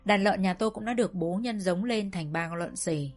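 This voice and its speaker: Woman narrating a story over soft music. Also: mid-range voice, fairly quick. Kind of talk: first-person story narration.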